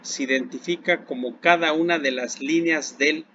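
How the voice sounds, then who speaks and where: A man with a Mexican accent teaching a recorded Spanish lesson to secondary school students. He speaks slowly and deliberately, asking a question and then answering it himself. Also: a little high, pushed and bright. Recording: dull lo-fi recording with faint background hiss.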